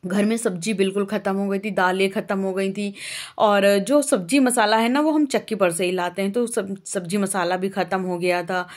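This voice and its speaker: A woman's voice: medium pitch, steady tone, normal speed. A young woman from Uttar Pradesh talking through her day in a casual, rambling home vlog, with many filler sounds. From Uttar Pradesh, India. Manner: rambling, homely and talkative, with frequent "अ" fillers. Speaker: vlogger. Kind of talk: casual chatty vlog narration.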